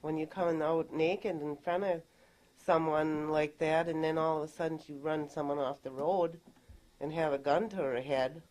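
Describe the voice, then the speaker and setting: A middle-aged woman giving testimony in a recorded deposition, recounting events in a plain, halting way. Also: low voice, fairly even intonation, a little mellow. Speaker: deposition witness.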